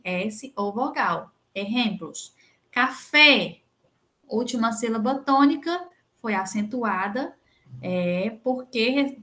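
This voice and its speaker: A woman's voice: on the high side, fairly bright tone. A young adult woman with a Brazilian Portuguese accent, teaching a Spanish lesson and patiently explaining rules with frequent checks like "né?" and "tá?". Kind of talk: recorded online lesson.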